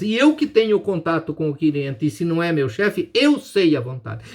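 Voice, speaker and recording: A man with a Brazilian Portuguese accent giving a business lecture, emphatic, asking and answering his own questions. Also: sits high. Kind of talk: recorded lecture.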